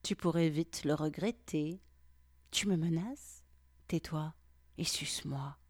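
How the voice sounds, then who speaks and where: Whispered role-play, woman doing a smug sly guy, slow and low. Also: a little mellow, dry recording, studio quality. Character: adult man lover, smug and confident.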